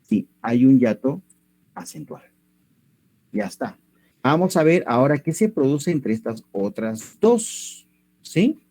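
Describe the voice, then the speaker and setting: A man's voice: mid-range voice, big pitch swings, slow pace, pauses often, darkish tone. A male teacher giving an online language lesson over a computer mic, going step by step and checking that students follow. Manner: patient, step by step, keeps checking understanding.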